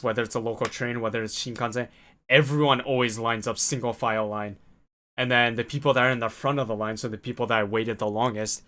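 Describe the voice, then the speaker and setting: A young man recounts a trip in a loose, chatty way, with plenty of fillers and little acted-out quotes. His voice sits at an ordinary middle pitch for a man. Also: fairly bright tone. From North America. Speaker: vlogger. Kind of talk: casual storytelling to camera.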